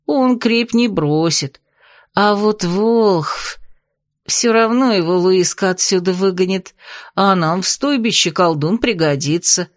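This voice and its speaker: A woman voicing a big, nosy young bride who drawls her prying questions slowly. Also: mid-range voice, no echo, studio quality, lightly acted. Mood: dreamy.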